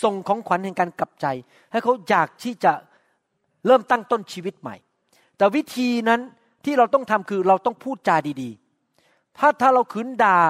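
A man's voice: sits high, expressive, moderate pace, dry recording, studio quality, big-room sound. A middle-aged man preaching a sermon, earnest, acting out short quoted exchanges. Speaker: pastor.

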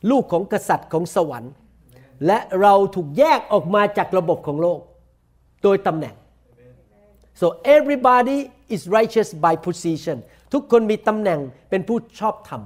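A man with a Thai accent preaching a sermon, saying each point in slow, deliberate English and then repeating it quickly in Thai. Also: high-pitched. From Thailand. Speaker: pastor. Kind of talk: bilingual sermon, self-translating.

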